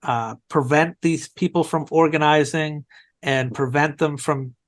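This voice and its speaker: A man's voice: fairly high pitch, steady tone, unhurried. A man answering interview questions earnestly, often restarting his sentences. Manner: earnest, with many restarts and "you know". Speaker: guest.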